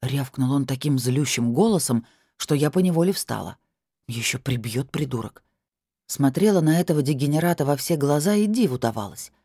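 Female audiobook reader, first-person narration, ironic edge, warm mellow voice, dry studio sound. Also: sits low, expressive, brisk, no room sound. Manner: wry, ironic storytelling.

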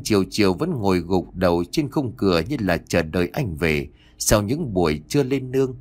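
Male storyteller for a horror audiobook: low, dramatic, widely swinging pitch. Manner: dramatic, expressive reading. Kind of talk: scripted horror story narration.

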